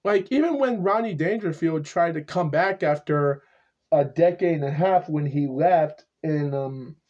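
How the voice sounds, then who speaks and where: A man in his twenties talking to the camera in a casual vlog monologue, halting and repetitive, stuttering often. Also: fairly high pitch, a little mellow, lo-fi sound. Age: 20s. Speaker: YouTuber. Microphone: camera mic.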